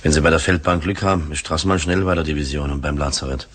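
A man playing a brisk, bossy soldier running a field switchboard in a war radio play, curt and commanding. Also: very deep voice, fairly bright tone. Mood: businesslike.

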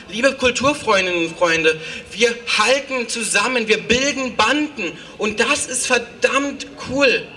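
A man's voice: sits high, pushed and bright. A man giving a fiery rally speech who keeps calling out to his friends in the crowd. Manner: fiery, rousing, repeats his addresses to the crowd. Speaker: activist speaker at a rally. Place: outdoor demonstration.

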